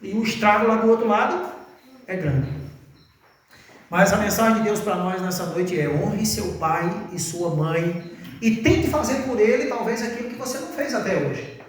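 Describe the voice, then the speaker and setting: Folksy preacher in an echoey church. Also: male voice, high-pitched, normal speed, a little hiss or hum. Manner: folksy, calls listeners brother, asks them questions. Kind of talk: sermon. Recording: very echoey church, mic far off.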